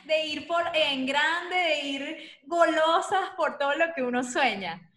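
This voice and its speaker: Bright high-voiced woman host. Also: takes it slowly, reverberant. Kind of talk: interview hosting.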